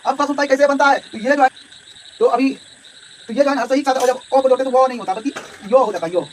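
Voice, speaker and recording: A man's voice: very high-pitched, fast. A man teaching a grammar lesson, explaining step by step and often checking in his students. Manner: explanatory, repeats "ठीक है" and addresses students directly. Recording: distant mic with faint background noise.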